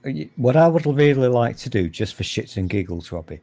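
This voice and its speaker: A man's voice: mid-range voice, sing-song, brisk, creaky, dark tone, dry recording. A man chatting as a guest on a video call, joking and teasing the others playfully. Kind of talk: casual chat.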